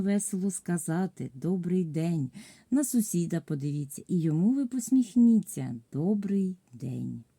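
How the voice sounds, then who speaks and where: A woman with a low, very dark and mellow voice gives a recorded lesson to young pupils. She speaks patiently and articulates each letter and sound with care. The recording is dry and close, with no room sound. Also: no room sound. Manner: patient, slow and clearly articulated, spelling out sounds. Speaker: primary school teacher.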